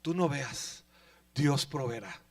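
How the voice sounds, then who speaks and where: A man preaching voices the elderly father Abraham, hushed, tender and steadfast. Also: high voice, unhurried, dry recording, recorded from a distance, voice pushed down.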